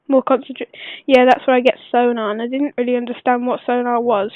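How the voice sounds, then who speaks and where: A woman who is unwell gives a casual gameplay tutorial voice-over, speaking quietly but clearly in a hesitant, rambling way. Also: fairly high pitch, level tone, quick pace, no echo. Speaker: gaming video maker. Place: voice-over recorded at a computer. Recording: dull lo-fi computer recording, dry.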